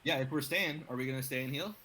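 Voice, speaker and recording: A man chatting casually as a tabletop player, quick and eager. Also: mid-range voice, pushed and bright, slight background noise, rough recording.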